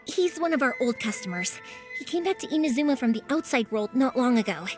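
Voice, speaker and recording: A chatty young game girl, super high and bouncy pitch, friendly and full of energy. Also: lively intonation, a little fast. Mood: reassuring, careful. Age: young adult. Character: bright, warm-hearted young woman fireworks maker. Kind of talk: video game voice acting. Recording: music behind.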